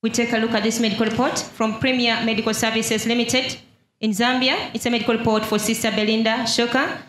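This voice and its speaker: Brisk woman interpreter in echoey hall. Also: on the high side, little pitch movement, fairly bright tone. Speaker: church presenter and interpreter. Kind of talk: church commentary and interpreting. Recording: echoey hall with faint noise.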